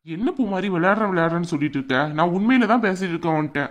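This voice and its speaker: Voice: mid-range voice, animated, very fast, lightly acted. An actor voicing a stubborn young husband in a family drama skit, insistent and dismissive. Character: stubborn young husband set on buying land.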